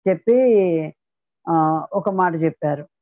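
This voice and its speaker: A woman's voice: deep voice, slow, dry recording, phone-quality sound. A woman sharing her meditation experiences as a story, with frequent fillers and restarts. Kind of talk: personal spiritual testimony.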